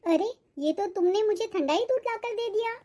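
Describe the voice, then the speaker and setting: A harsh, demanding old grandmother snaps out shrill, very high-pitched complaints. She is a hard-to-please cartoon elder who keeps finding fault. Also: normal speed, background noise. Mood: bossy. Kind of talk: cartoon voice acting.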